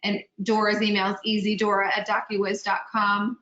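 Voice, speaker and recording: A woman moderating a panel webinar on a video call, relaying audience questions with upbeat, quick acknowledgements. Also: mid-range voice, completely flat delivery, a bit bright. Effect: video call audio. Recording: muffled, roomy video call audio.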